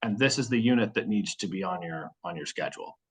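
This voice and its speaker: A man's voice: lowish voice, expressive, fast talker, husky, rough recording. A man explaining product selections in a webinar walkthrough, practical and full of fillers.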